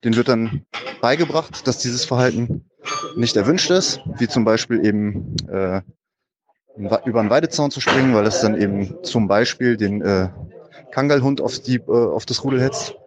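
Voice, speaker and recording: A man speaks on a low quality sound recording from a gym, with a loud crowd clearly heard behind him. His pitch sits in an ordinary middle range. He explains things casually as a biology teacher, rambling loosely and sounding a bit frazzled. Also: moderate pace. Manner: loose and rambling, with many fillers. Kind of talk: casual spoken comment, explaining science. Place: at a gym, doing sport.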